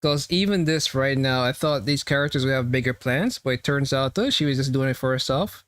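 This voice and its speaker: A man's voice: mid-range voice, a little fast, fairly bright tone, no echo. Blunt man commenting over a game, dry mic. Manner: blunt, crude, profane. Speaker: streamer reacting to a game story. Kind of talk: casual live commentary. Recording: dry mic, faint game music behind. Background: game music and dialogue.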